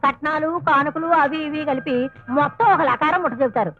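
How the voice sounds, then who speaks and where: A woman's voice: high voice, quick pace, fairly bright tone. An actress playing a bossy, scolding middle-aged woman in a comedy film. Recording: dull old film soundtrack with music.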